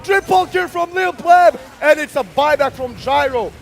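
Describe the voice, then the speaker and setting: A man calling a live esports match like an arena game announcer, excited and shouting as he draws out the big calls. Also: extremely high pitch, normal speed, gravelly, some chatter behind. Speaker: esports play-by-play caster.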